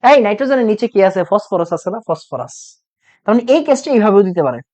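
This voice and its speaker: A young man with a high, sing-song voice teaches a chemistry class online at a quick pace, his tone a little mellow and the recording's highs cut off. His throat is sore from talking loudly, yet he keeps repeating each point and quizzing his students.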